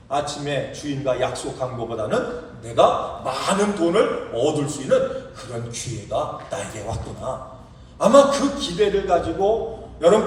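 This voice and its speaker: A male pastor preaching a sermon in a church, asking the congregation rhetorical questions in an animated way. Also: mid-range voice. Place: church sanctuary. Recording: echoey hall, distant mic, faint hiss.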